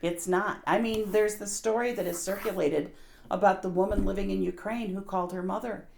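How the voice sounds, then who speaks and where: A woman's voice: mid-range voice, fairly even intonation, fairly quick, gravelly, a little mellow, a little hiss or hum. An American woman telling stories in casual conversation, earnest and emphatic. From United States.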